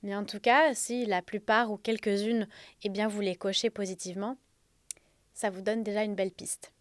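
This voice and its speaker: Addressing listeners in a spoken self-help episode, a female podcast host explains things directly and conversationally. Her medium-pitched voice holds a steady tone at a moderate pace, slightly throaty from a sore, swollen throat caused by tonsillitis. There is no room sound.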